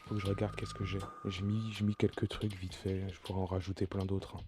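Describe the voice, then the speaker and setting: A man's voice: low voice, little pitch movement, fairly quick. A French man chatting casually as he streams a game, rambling and repeating his phrases. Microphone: streaming microphone. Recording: loud game music behind.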